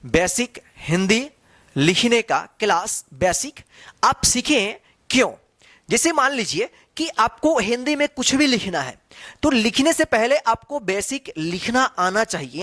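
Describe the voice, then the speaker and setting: A man's voice: high-pitched, pushed and bright, no echo. A man teaching the Hindi alphabet, asking question after question and repeating each sound to demonstrate it. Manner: repetitive, quizzing. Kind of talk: slow classroom explanation.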